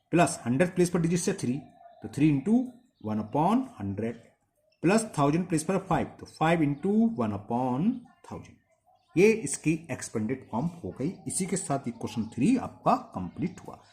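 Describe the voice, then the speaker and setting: A man teaching a maths lesson, asking quick questions and answering them himself as he repeats each step. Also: a little high, sing-song, darkish tone. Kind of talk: blackboard-style maths lesson.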